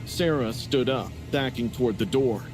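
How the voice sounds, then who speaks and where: A man narrating a first-person story in a scripted, even telling. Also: medium pitch, normal speed. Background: music.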